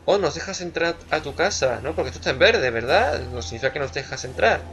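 A man's voice: a little high, lively intonation, fast, fairly bright tone, slight background noise. A man giving casual, playful let's play commentary, musing aloud and repeating words. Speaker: gamer, let's play host.

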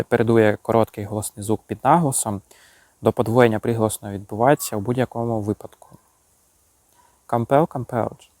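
A man's voice: mid-range voice, a little mellow, no echo, poor audio. A man teaching an English grammar lesson, explaining rules and then reading word pairs and example sentences aloud.

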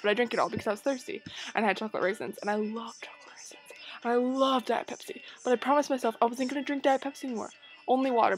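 A woman's voice: fairly high pitch, poor audio. A young woman vlogging in a hyper, rambling way, tired and easily sidetracked. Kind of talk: casual vlog chat.

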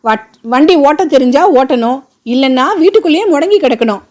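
A woman voicing an angry, domineering young man who scolds fast and brusquely, in a high voice. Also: lively intonation, darkish tone. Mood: scolding.

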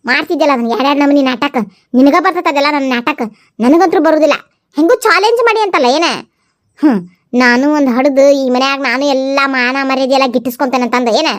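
A resentful young mother, played by a woman, scolds in a high voice and a North Karnataka Kannada accent. Her lines come as steady, accusing jabs. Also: quick pace, lightly acted. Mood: scolding. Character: angry young mother Lakshmi, bitter and scolding.

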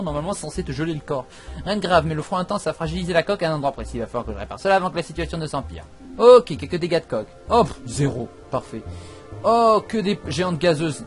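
Excitable gamer, higher-pitched man, casual play-by-play with loud outbursts and cursing. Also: quick pace, soft background music. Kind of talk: casual gameplay commentary.

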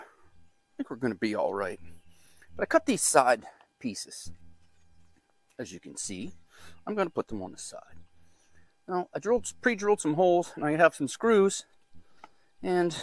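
A man's voice: fairly high pitch, dry recording. A man filming a casual gardening vlog outdoors in the woods and garden, chatty and rambling, poking fun at himself. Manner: chatty, rambling, self-deprecating. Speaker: gardening vlogger.

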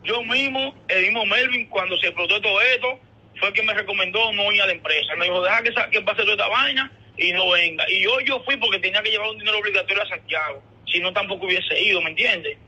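This high-pitched Dominican caller talks fast with a sharp tone and a breathy edge, his voice tinny and muffled on speakerphone. He's casually explaining himself on the phone, hesitant and repetitive.

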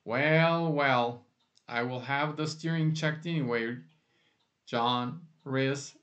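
A man's voice: mid-range voice, slow pace, fairly bright tone, muffled recording. A man reading aloud voices a small, precise, dry-humoured uncle.

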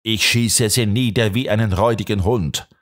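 A man's voice: on the low side, moderate pace, fairly bright tone. A man reading an audiobook, voicing a threatening middle-aged criminal who hisses his threats. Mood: hissing menace. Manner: threatening, hissing.

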